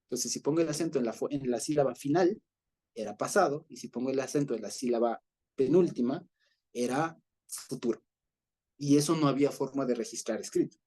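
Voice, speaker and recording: A man teaching an informal Bible study, speaking in a mid-pitched, mellow voice. He explains step by step and often stops to check that his listeners are following. His delivery is loose and unhurried, with fillers and restarts as he hunts for the right word. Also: husky.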